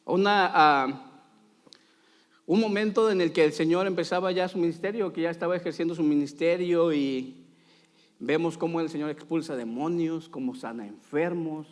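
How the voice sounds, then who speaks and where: A man preaching a sermon in a church, dramatic, swinging from loud pleading to quiet asides. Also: on the high side, moderate pace. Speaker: pastor. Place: church sanctuary. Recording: long hall reverb.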